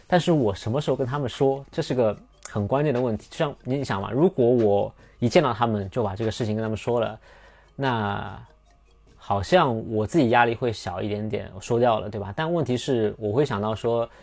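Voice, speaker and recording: A man's voice: mid-range voice, a little mellow. A young man hosting a podcast, telling a personal story in a casual, rambling way with many restarts and fillers. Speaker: podcast host.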